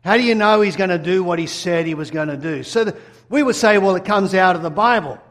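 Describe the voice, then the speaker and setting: Speaking briskly in a high, somewhat bright voice, a middle-aged man from Sydney, Australia, preaches as a pastor. His sermon weaves in an earnest personal testimony, and he directs questions at the congregation.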